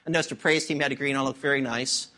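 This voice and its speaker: Preaching fast in a mid-range voice, a middle-aged pastor brings his sermon to life through humorous stories and acted-out character voices.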